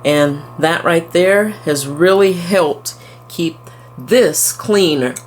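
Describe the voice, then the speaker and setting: This aquarium vlogger speaks slowly in a low, twangy voice, narrating with easygoing fondness as she chats casually at home next to a fish tank. A slight hiss or hum sits under the recording.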